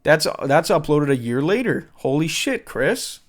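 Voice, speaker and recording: A man's voice: fairly high pitch, sing-song, measured pace. Profane sarcastic man hosting a podcast. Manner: profane, sarcastic, rambling with fillers. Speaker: podcast host. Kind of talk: casual solo commentary on internet videos.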